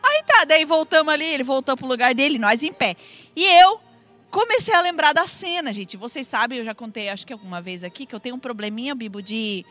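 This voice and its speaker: A woman telling a comic anecdote on a talk show in an animated, chatty way. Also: sits high, a little fast. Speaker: guest storyteller.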